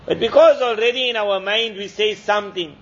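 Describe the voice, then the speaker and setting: A man's voice: sits high, a little fast. A male preacher telling a story in a sermon and drawing moral lessons with repeated, emphatic phrases, in a slightly muffled recording.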